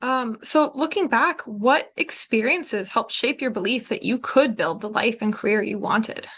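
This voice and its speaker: A woman's voice: on the high side, a little slow, fairly bright tone, husky. A woman hosting a podcast interview, asking long summarizing questions in an affirming way. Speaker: podcast host.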